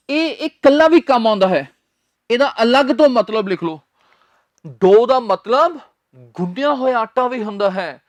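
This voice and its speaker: A man's voice: very high voice, dry recording. A man teaching a spoken English lesson, spelling out words letter by letter and drilling his students with patient repetition. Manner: patient, step-by-step explaining.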